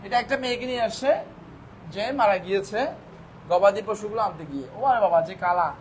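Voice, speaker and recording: The male English teacher's voice sits high and fast in this rough recording with faint background noise. During the vocabulary lesson, he shoots questions at students only to answer them on his own.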